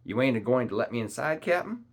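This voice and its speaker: A man's voice: on the low side, expressive, moderate pace. A man voicing a wily one-legged old pirate cook with a hearty, wheedling, mock-respectful manner. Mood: complaining.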